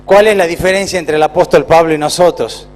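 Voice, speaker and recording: A man with an Argentine accent, a pastor preaching a sermon in a church with emphatic rises and slow, drawn-out phrases. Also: a little high, steady tone. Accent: Argentine Spanish.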